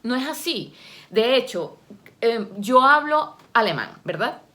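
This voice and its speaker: A woman talking casually to her viewers, chatty and expressive and often laughing as she tells stories. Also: a little high, unhurried. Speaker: vlogger and language learner. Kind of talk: casual talk to camera.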